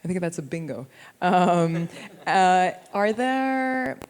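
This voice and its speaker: A woman with a French accent moderates a conference panel. Her delivery is slow and halting, and her voice is darkish and lowish. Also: lively intonation, a little mellow.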